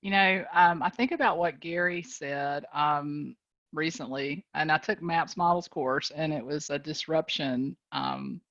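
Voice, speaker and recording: Woman, North Carolina accent, low pitch, folksy and animated, video call, dry and slightly muffled sound. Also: unhurried, no room sound. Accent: Southern US, North Carolina. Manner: folksy, animated, laughs often. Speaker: guest speaker, business leader. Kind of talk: casual motivational chat on a call.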